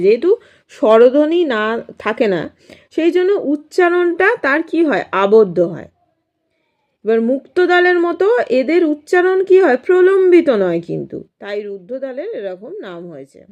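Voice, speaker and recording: Lively-voiced woman teaching a grammar lesson. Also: high voice, lo-fi sound. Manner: explains step by step, asks and answers her own questions. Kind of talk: casual grammar lesson for students.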